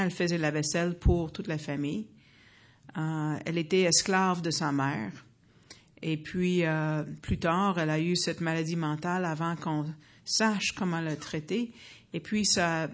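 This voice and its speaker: A woman in her fifties from the United States giving a personal faith testimony to an audience, earnest and halting, with frequent fillers and restarts. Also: low-pitched. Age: 50s.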